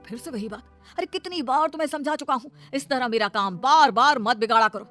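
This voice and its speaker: A woman's voice: sits high, fairly quick, fairly bright tone, soft background music. A woman voicing a young office-going husband who pleads with his wife and then scolds her, in a cartoon story. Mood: scolding. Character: young husband, office worker, short-tempered. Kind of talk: cartoon voice acting.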